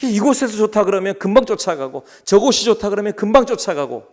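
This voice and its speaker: A middle-aged man preaching a sermon as pastor, telling stories dramatically and swinging between loud pleas and hushed asides. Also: sits high, very animated, fast.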